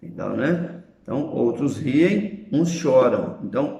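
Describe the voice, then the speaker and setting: A man's voice: medium pitch, mellow. Man teaching grammar in an echoey room. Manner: explanatory, checks in with "né?" and "tá certo?". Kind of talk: recorded grammar lesson.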